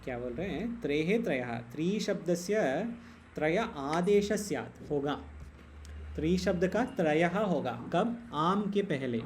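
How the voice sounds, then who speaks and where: A man's voice: fairly high pitch, animated, slow pace, slight background noise. A man teaching Sanskrit grammar in an online class, patient and explaining step by step, slipping into English.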